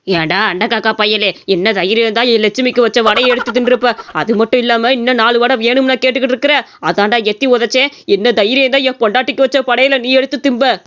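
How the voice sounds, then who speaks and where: A woman's voice: on the high side, steady tone, quick pace, a bit bright, lightly acted. A woman voicing a grumpy, scolding old village man in a cartoon. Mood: angry. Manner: scolding, threatening. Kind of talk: cartoon voice acting. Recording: dull audio with clear noise.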